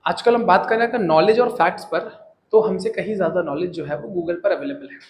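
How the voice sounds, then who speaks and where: A man teaching, giving an earnest, animated motivational talk to his students. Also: sits high, brisk, reverberant, poor audio.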